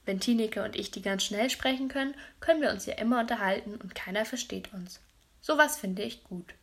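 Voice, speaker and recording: A woman's voice: mid-range voice, a little fast. Woman reading a children's story. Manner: lively, childlike first-person telling. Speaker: audiobook reader. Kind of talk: storybook narration.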